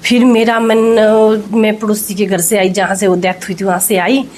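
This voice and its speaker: A woman's voice: medium pitch, flat delivery, normal speed, darkish tone, slight background noise. A woman, telling a church testimony and acting out the quoted speech as she goes. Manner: storytelling, acts out quoted speech. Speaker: church member sharing a testimony. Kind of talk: testimony told to an interviewer.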